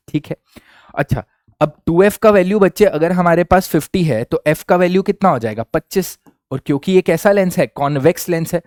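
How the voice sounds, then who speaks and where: Young indian guy teaching physics, slightly high voice, dry close sound, keeps asking the kids if it's clear. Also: dry recording. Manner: energetic, addresses students as kids, asks frequent check questions. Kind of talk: Hindi-English classroom lecture.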